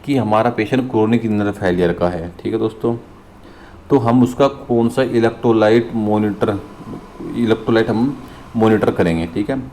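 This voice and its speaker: A man with a low, mellow voice goes through nursing exam questions, reading each English question slowly and then explaining it in Hindi. He repeats key terms, addresses viewers as friends and checks in often with "theek hai." A faint hiss runs beneath the audio.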